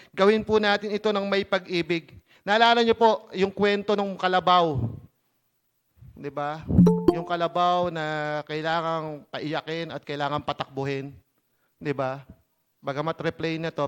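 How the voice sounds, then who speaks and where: A man preaching a sermon as pastor, lively and conversational, mixing in English phrases and often checking in with the congregation. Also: a little high, normal speed, smooth.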